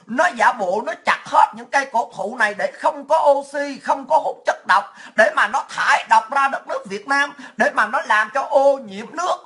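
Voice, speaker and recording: A woman's voice: a little high, a bit bright. A woman ranting in a coarse, mocking and sarcastic monologue as a political vlogger.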